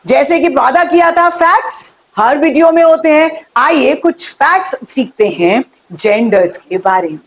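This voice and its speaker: A young woman walks viewers through English grammar, going slowly, spelling words out letter by letter, and asking them questions along the way. Her voice sits high and is animated.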